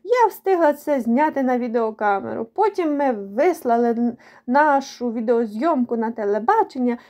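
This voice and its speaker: A woman's voice: on the high side, moderate pace, lightly acted. A woman playing an eager young girl. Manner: eager, lively storytelling. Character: bold young girl telling a funny story.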